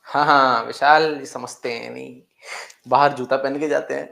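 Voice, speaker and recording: A male teacher in a live class, joking with students and repeating key terms slowly. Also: medium pitch, steady tone, gravelly, sharp tone, roomy sound. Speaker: chemistry teacher.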